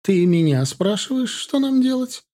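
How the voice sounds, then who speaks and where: A man's voice: on the high side, animated, moderate pace, voice pushed up. A man voicing an irritable, reproachful middle-aged mother who runs a kindergarten, in an audiobook. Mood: indignant. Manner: sharp, reproachful, indignant. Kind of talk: audiobook character voice.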